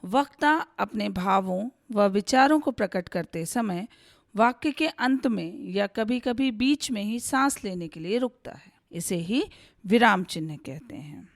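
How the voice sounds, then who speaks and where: A woman Hindi teacher giving a slow, deliberate grammar lesson, recorded close to the mic. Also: mid-range voice, expressive, dry recording.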